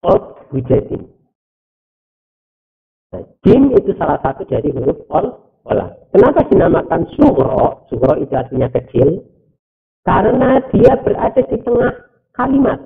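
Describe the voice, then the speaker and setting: Man teaching recitation, gravelly voice, very lively pitch, tinny phone-like sound. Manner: slow, deliberate, drawn-out recitation with repetition; explains rules step by step. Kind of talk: recorded teaching video.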